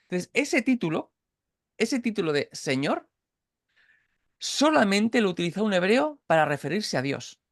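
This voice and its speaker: A man's voice: high-pitched, big pitch swings, a little slow, long pauses, dry recording, clean studio sound. A man from Catalonia teaching an informal Bible study over a video call, explaining step by step with frequent restarts and checks for understanding. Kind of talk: informal online Bible class.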